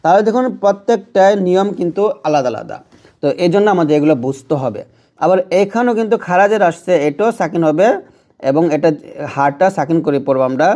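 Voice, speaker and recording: A man with a Bangladeshi Bengali accent teaching Quran recitation rules step by step. He explains each rule, then chants the verse slowly and drawn out. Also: a little high, expressive, dark tone.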